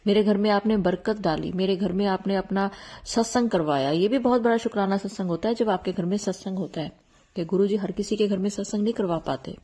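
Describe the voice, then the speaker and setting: A woman's voice: lowish voice, darkish tone. A middle-aged woman hosting a devotional channel, talking earnestly and pleading with her followers.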